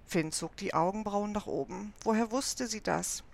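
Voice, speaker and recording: A woman reading a children's story aloud in a calm, even manner. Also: mid-range voice, normal speed, vocal fry. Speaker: narrator.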